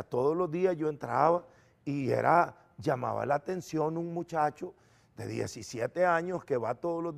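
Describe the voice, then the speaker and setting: A middle-aged man, a preacher, telling his personal testimony in an earnest, animated storytelling manner. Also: on the high side, creaky.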